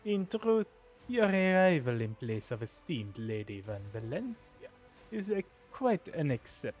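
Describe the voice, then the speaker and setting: A man voicing a haughty noblewoman planetary governor in a forced deep mock-Russian accent, reading game dialogue slowly and formally. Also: very animated, a little mellow, faint music behind. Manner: formal, slow, solemn delivery.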